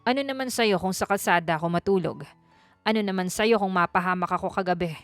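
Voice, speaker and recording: A woman's voice: mid-range voice, fast talker, no room sound, soft background music, lightly acted. A woman voicing a hungover, grumpy rich young man who speaks curtly and coldly in a storybook reading. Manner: curt, cold and commanding.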